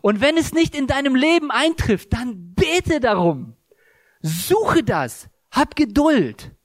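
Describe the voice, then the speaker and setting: A man's voice: extremely high pitch, big pitch swings, slow pace, dry recording, studio quality. A man giving an earnest, emphatic sermon, telling a story and explaining a Bible passage. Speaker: preacher.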